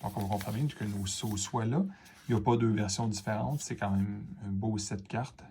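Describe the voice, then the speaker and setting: A man's voice: fairly low pitch, steady tone, moderate pace, mellow, a little hiss or hum. A man with a Quebec French accent, chatting casually to camera as he opens cards and reacts to each one, rambling with fillers and asides. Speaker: card-opening video host. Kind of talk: casual unboxing chat to camera.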